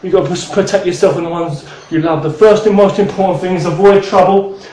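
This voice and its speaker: A man's voice: high voice, steady tone, fast talker, darkish tone, reverberant, rough recording. A man in his thirties teaching martial arts in a rambling, casual way, swearing and then apologizing. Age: 30s.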